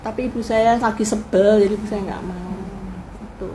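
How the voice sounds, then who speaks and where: An older woman, a guest in an interview, telling family history in a lively way and acting out the people she quotes. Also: medium pitch, normal speed, slight background noise, poor audio. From Indonesia. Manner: animated storyteller who acts out quoted people. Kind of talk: casual spoken reminiscence.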